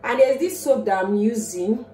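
A woman's voice: fairly high pitch, moderate pace, dark tone. A young woman with a Nigerian English accent, chatting casually and rambling a bit to her vlog camera at home. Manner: chatty and rambling, self-mocking. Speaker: vlogger. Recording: roomy, distant sound with faint noise.

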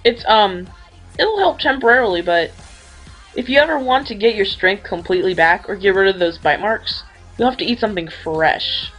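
A woman voicing Hanna, an excitable and teasing young man who hunts ghosts, in a fan audio drama. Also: mid-range voice, moderate pace, breathy edge, soft background music, low-quality recording. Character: Hanna, cheerful young male ghost hunter.

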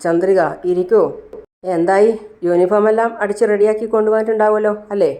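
A woman voicing a pleased male business owner in a retold TV serial, speaking briskly and formally. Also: medium pitch, dark tone, natural voice.

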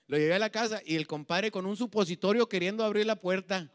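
A man's voice: high voice, fast, fairly bright tone. A man telling bawdy jokes in a bar, rambling and slangy. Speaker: comedian.

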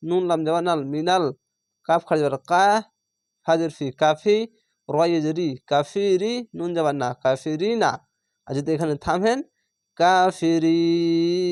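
A man's voice: fairly high pitch, a little mellow, smooth, no room sound, studio quality. A man teaching Quran recitation, spelling words out syllable by syllable with a Bangladeshi Bengali accent and drawing out the chanted words.

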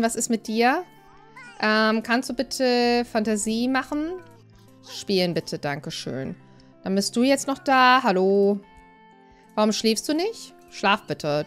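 Give me a lively woman doing casual gameplay commentary over quiet game music, bossy and scolding. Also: medium pitch. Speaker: gaming streamer. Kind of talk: casual let's-play commentary. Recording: faint game music behind.

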